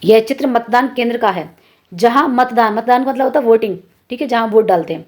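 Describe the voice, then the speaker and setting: Patient woman teacher, slightly high voice. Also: a little mellow. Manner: patient, repeats examples slowly, asks students questions. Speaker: Hindi teacher. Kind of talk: classroom lesson explaining exercises.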